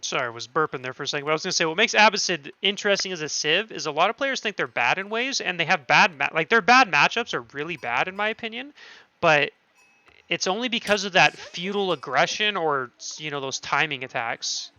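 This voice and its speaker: A man's voice: fairly high pitch, lively intonation, a little fast, bright, forceful tone, no echo, dull audio. A man casting an esports match on his stream, chatty and thinking aloud, often correcting himself. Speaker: streamer and caster. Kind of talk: esports commentary.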